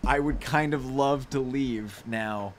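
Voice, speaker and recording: A young man with a mid-range voice speaks slowly as he hosts a live Q&A for his podcast, answering fan questions in a casual chat. He rambles through stories, filling them with fillers and laughter.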